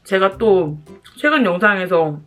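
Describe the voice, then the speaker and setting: A woman's voice: mid-range voice, expressive, a little slow, fairly bright tone, faint music behind. A woman chatting casually to viewers as a mukbang host, talking between bites while she eats.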